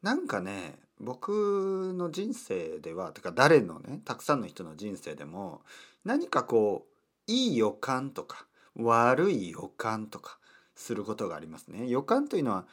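A man hosting a casual solo talk, speaking slowly in simple words and stopping to explain terms, with chatty asides. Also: mid-range voice, a bit bright. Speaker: podcast host.

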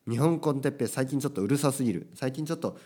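Racing along in a mid-range, warm voice with a breathy edge, a Japanese man runs his own solo podcast about learning Japanese. He keeps it casual and energetic, sprinkling in plenty of little tag questions.

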